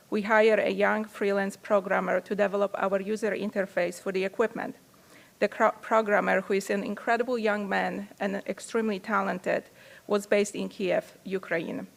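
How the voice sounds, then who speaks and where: A woman's voice: medium pitch, vocal fry. A woman in her forties from Poland with a Polish accent, giving an earnest prepared speech at a podium microphone in a large conference hall. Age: 40s. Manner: earnest, reads with small restarts. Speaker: company founder giving a speech.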